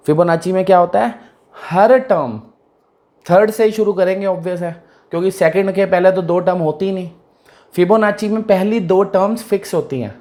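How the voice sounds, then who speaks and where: A man whose voice sits high and sounds a little mellow runs a casual math lesson. He keeps asking, more than once, whether the students are following along.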